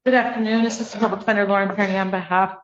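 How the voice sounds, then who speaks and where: A woman's voice: mid-range voice, steady tone, racing, a little hiss or hum. A woman working as public defender, arguing a bond request in court and hesitating with frequent ums, heard in a courtroom recording. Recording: dull, lo-fi courtroom audio.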